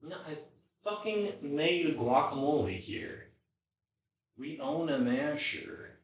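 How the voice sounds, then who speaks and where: A man's voice: a little high, animated, takes it slowly, highs cut off. A man talking casually to himself as he cooks at home, sweary and slangy, in an exasperated mutter. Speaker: home cook vlogger. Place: indoors in a home kitchen. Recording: echoey room, distant microphone.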